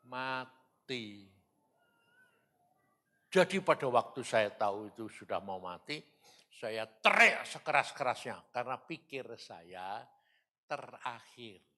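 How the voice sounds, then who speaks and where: A male preacher tells a testimony slowly, with a bright, forward tone. His pitch swings widely as he acts out both sides of a dialogue with God, shifting from loud bursts to quiet, low lines. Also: sing-song. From Indonesia. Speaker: evangelist preacher. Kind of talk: sermon testimony. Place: church or studio.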